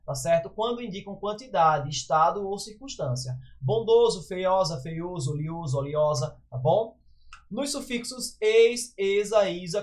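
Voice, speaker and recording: High-voiced Brazilian man teaching exam prep. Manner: brisk, with frequent check-ins to the viewer. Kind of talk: exam review lesson over slides.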